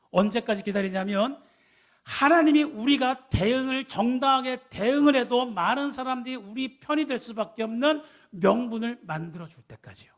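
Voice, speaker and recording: A man preaching a sermon, emphatic, asking the congregation rhetorical questions. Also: extremely high pitch. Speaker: pastor.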